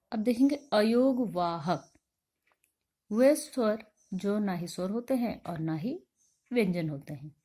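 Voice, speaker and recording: A woman teacher walks through a lesson at a measured pace, posing questions and answering them herself. She stretches out her examples so each sound can be heard clearly. Her voice sits at an ordinary middle pitch. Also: dark tone. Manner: drawn-out, carefully spoken examples. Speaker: school teacher. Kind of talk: classroom grammar lesson.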